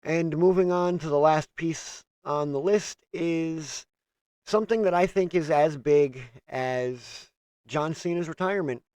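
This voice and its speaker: A man's voice: a little high, a little slow, a little mellow, clean tone, dry recording. A man hosting a casual wrestling review, steadily running through a list of news items. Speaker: host.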